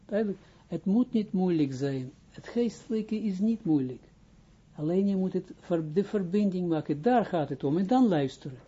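A man teaching as a rabbi, his voice very mellow and dark with a husky grain, pitched a little above most men. He speaks haltingly, starting phrases over and pausing to check that listeners follow. The recording sounds dull and lo-fi. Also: expressive. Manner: halting, restarts phrases, keeps checking understanding. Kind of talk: informal spoken lesson.

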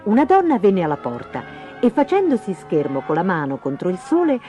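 A woman reading a children's fairy tale aloud in a lively, expressive way. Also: medium pitch, a little fast, faint music behind. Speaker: storyteller. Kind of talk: storybook reading.

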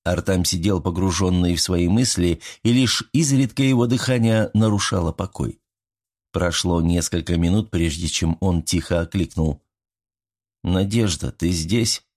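A man giving measured, scripted narration of a fairy tale. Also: low-pitched, a little mellow.

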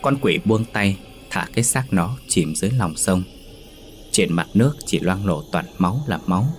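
A man narrating a horror story in steady, dramatic storytelling. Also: deep voice, normal speed, soft background music.

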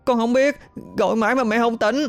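A male storyteller voicing a frightened little boy who cries and stammers in a high, shaky voice. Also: fairly even intonation, brisk, soft background music. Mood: scared.

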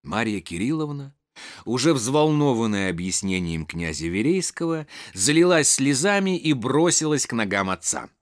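An expressive male narrator reads a classic novel from a script for an audiobook. His voice is mid-range and moderately paced, captured in a dry, studio-quality recording.

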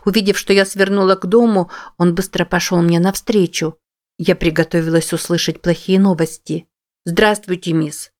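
Low-voiced woman reading somberly. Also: steady tone, normal speed, a little mellow. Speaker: audiobook narrator. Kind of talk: scripted first-person narration.

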